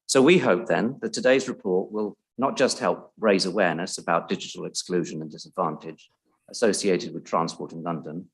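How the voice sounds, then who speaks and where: Man, low husky voice, formal event speaker, measured delivery. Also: low-quality recording. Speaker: event speaker introducing a report. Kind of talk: formal prepared speech. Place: public event venue.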